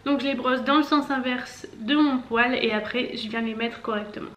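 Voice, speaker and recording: A young woman in her twenties talks through a makeup tutorial in a casual, chatty way, narrating each step as she works. Her voice sits a little high. The room is echoey, with soft music playing underneath. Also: fairly even intonation, brisk, lo-fi sound. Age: 20s. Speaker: makeup vlogger.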